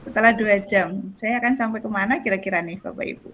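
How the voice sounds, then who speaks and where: An Indonesian woman facilitates an online teacher training forum over a video call, joking, giggling and poking fun at herself in a casual manner. Her medium-pitched voice is quick and fairly bright, with a little hiss or hum on the audio.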